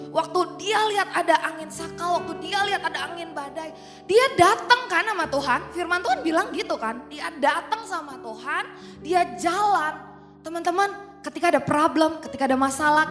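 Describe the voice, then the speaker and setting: Speaking in a very high pitch, a woman gives an energetic, playful youth sermon streamed from a large hall, mixing English phrases into her talk. Reverb fills the room and music plays faintly underneath.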